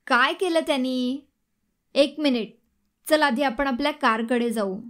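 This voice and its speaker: A woman voicing a caring young husband in an audiobook, gentle and coaxing. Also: sits high, unhurried. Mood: worried. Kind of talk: audiobook dialogue reading.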